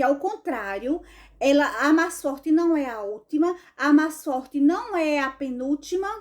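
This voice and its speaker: A Brazilian woman teaching an online class in a high, singsong voice. She talks slowly and patiently, repeating each point and calling her pupils endearing names as she checks they understand. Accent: Brazilian Portuguese.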